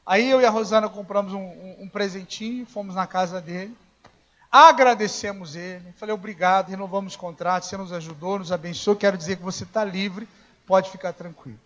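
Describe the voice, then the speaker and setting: High-voiced preaching pastor, lo-fi sound. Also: male voice, fairly quick. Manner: conversational storytelling, acts out dialogue, rises to shouting. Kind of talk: sermon. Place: church. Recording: dull lo-fi church recording.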